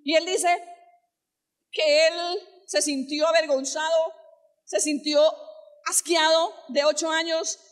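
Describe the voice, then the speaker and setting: A woman's voice: high-pitched, flat delivery, slow pace, long pauses. A woman pastor preaching a sermon, telling stories and asking the congregation questions, rising to fervent exclamations. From Colombia. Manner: asks the congregation direct questions.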